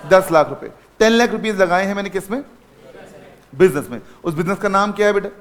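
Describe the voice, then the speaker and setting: A man's voice: high voice, lively intonation, brisk. Guy teaching accounting, keeps asking the class stuff and repeating the answers. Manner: calls students son, asks and repeats answers. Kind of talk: classroom lecture.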